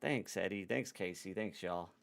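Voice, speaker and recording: A man's voice: deep voice, moderate pace, vocal fry. A young man streaming a game live, chatting casually to his viewers in a laid-back, slangy way. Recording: noisy background.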